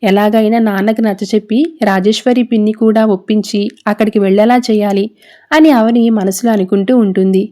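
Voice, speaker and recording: A woman narrating a serial recap in a steady, plain storytelling manner. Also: mid-range voice, a little fast.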